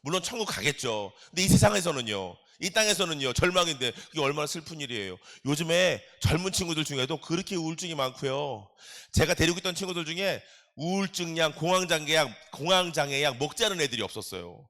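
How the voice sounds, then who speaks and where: Lively, bright-voiced man preaching. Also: a little high, fast. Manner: animated, exclamatory, joking, calls out to congregation. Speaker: pastor. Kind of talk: sermon.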